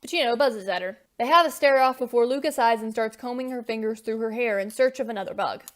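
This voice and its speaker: A woman narrating a scripted story in a brisk storytelling style. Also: fairly high pitch.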